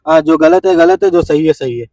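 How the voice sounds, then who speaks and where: A male street vendor pours out an emphatic, aggrieved complaint to a reporter outdoors. His voice is gravelly, and he stands a little back from the mic. The sound is dry with no room echo. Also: fairly high pitch, huge pitch swings, brisk, a little mellow, recorded from a distance. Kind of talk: street interview.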